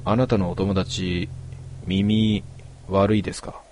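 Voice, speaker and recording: A man voicing an eerie old woman ghost who speaks in halting, broken polite phrases. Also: low voice, level tone, darkish tone, slight background noise. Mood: eerie, insistent.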